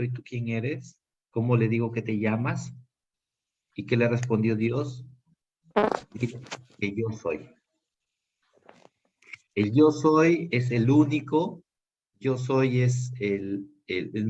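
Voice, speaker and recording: A man with a Peruvian Spanish accent teaches a Bible study class in a medium-pitched, slightly mellow voice. He speaks earnestly, with lots of fillers and restarts, and the lo-fi recording sounds dull.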